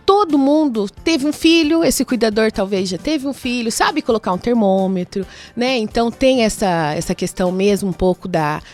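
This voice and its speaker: A woman with a Brazilian Portuguese accent, a nurse answering interview questions in a radio studio, listing points and checking in with tag questions. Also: mid-range voice. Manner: explanatory, lists points with frequent tag questions.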